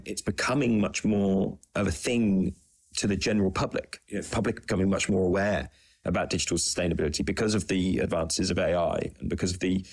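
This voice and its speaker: Deep-voiced man, halting speech. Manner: halting, many ums and restarts. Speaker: podcast co-host. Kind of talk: casual panel chat.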